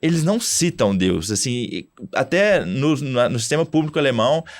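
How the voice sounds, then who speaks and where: A young adult Brazilian man, a doctor hosting a casual podcast, telling a story in an animated way with many restarts. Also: mid-range voice, brisk. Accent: Brazilian Portuguese.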